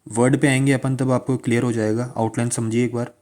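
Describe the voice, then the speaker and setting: A man's voice: medium pitch, little pitch movement, quick pace, darkish tone. A man teaching shorthand strokes, repeating key words and asking listeners to pronounce along. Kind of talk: classroom-style tutorial.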